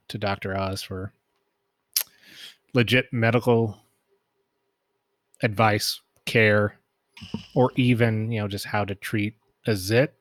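A low-voiced man co-hosting a podcast in casual chat. His voice sounds dry and close with no room echo, and he slips in deadpan jokes. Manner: dry, joking asides. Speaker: podcast co-host.

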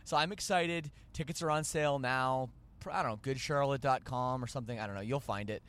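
A man's voice: mid-range voice, a little fast, fairly bright tone, clear, resonant tone. A man with a Canadian accent hosting a podcast, rambling and joking as he corrects himself. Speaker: podcast host. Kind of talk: casual podcast chat.

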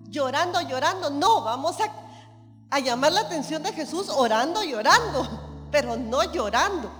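Woman preacher, emphatic and repetitive, slow delivery in an echoing hall. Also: sits high, expressive, a bit bright. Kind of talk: sermon. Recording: reverberant hall with faint music.

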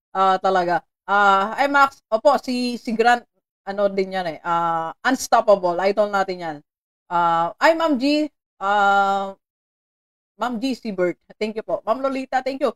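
A Filipino woman hosting a live-streamed motivational talk, chatty and animated, laughing often and greeting viewers by name. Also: fairly high pitch, unhurried. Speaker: motivational host.

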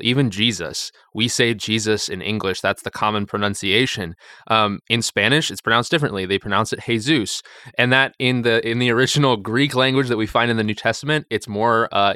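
Crisp-voiced vicar co-hosting a podcast. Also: male voice, mid-range voice, bright, forceful tone, no echo, studio quality. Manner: thinks aloud with restarts and quick asides, chuckles lightly. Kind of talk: casual Bible study podcast chat.

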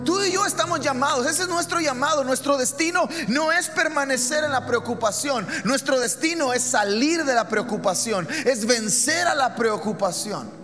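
A man's voice: very high-pitched, animated, moderate pace, few pauses, pushed and bright, in a large hall, soft background music. A man preaching a sermon as pastor, emphatic, with rhetorical questions to the congregation.

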